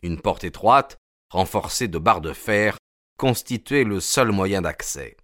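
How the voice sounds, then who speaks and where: Male audiobook narrator, measured storytelling, low voice, dry close recording. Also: expressive, fairly bright tone, no echo.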